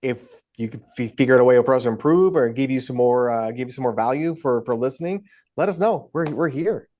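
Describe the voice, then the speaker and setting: A man's voice: medium pitch, fast, warm tone. A man co-hosting a casual podcast, talking with enthusiastic, gushing praise. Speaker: podcast co-host.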